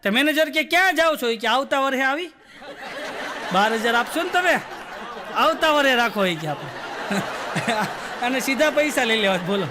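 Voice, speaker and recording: A man's voice: very high-pitched, expressive, normal speed, long pauses, a crowd in the background, noisy background. A man with a Gujarati accent telling stand-up jokes, acting out the characters in his stories and laughing through the punchlines. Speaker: stand-up comedian.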